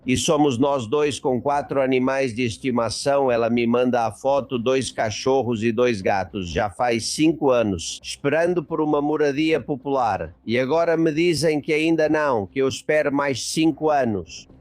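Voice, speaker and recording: A man's voice: medium pitch, moderate pace, hardly any pauses, a little mellow, no echo. A man hosting a political talk show, reading out a listener's message and making an indignant appeal to his audience. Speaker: host.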